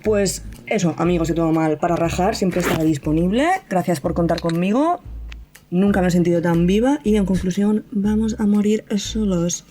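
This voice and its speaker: Woman, Spain Spanish accent, slightly impeded speech from braces, deadpan comic monologue, mellow low-brightness tone, light background noise. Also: normal speed. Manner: deadpan, sardonic. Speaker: guest contributor to a podcast. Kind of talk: comedic scripted monologue, reading a list.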